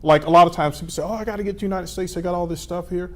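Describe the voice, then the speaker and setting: Hosting a local TV interview program, this middle-aged man speaks in a high voice. His questions are easygoing and friendly, with "uh" and "um" filling the gaps.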